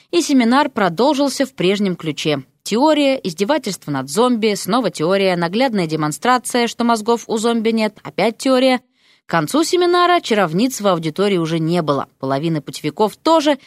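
A woman narrating an audiobook in an expressive, animated way. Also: medium pitch, no room sound, clean studio sound.

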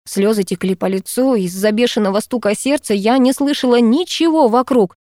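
A woman narrating a first-person novel aloud on a close mic, in a steady, absorbed storytelling manner. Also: on the high side, normal speed, no echo. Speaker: audiobook narrator.

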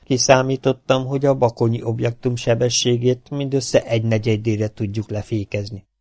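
A man's voice: mid-range voice, little pitch movement, darkish tone, no echo, lightly acted. A man voicing a commanding male spaceship captain in an audiobook reading. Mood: firm. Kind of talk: audiobook character voice.

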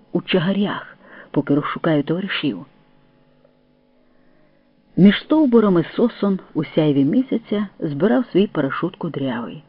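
A man reading a first-person story aloud as an audiobook narrator, in a steady storytelling manner. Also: on the high side, no echo. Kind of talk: scripted narration. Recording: tinny phone-like dry sound.

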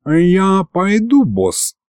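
Brief: a man playing a gruff male demon police chief for an audiobook, street-slang patter, high and swinging. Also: big pitch swings, a little slow, darkish tone, no room sound, studio quality. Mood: sulky.

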